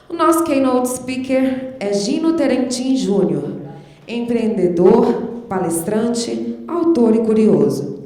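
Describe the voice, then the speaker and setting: A woman's voice: on the high side, mellow. Formal woman announcer in an echoey hall. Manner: formal, reads from a script. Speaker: event announcer. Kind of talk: scripted introduction. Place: large conference hall. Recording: echoey hall with long reverb.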